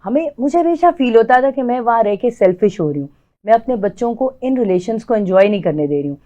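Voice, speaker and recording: A woman in her forties talks as a doctor on an interview, casual and explanatory, mixing in English words. Her voice is warm and mellow, and the recording sounds a little dull. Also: a little high, lively intonation. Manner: explains with everyday examples, mixes English words. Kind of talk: casual chat.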